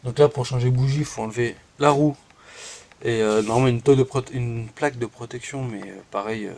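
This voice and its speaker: A man's voice: mid-range voice, brisk, vocal fry, darkish tone. A man casually showing off his car in a garage, hesitant and full of fillers as he points out parts. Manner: chatty, hesitant with many fillers, pointing things out.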